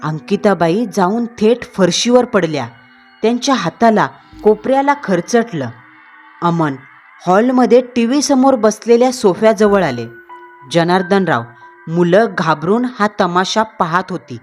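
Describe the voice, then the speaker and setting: A woman's voice: mid-range voice, animated, a little slow, darkish tone. A woman narrates a horror story with dramatic, suspenseful delivery. Her voice sits in the middle of a woman's range, and faint music runs under the narration.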